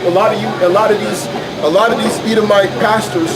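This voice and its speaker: An American street preacher and Bible teacher teaches scripture informally, arguing emphatically, repetitively and colloquially. His voice sits high with a steady tone and he talks fast, over heavy background noise.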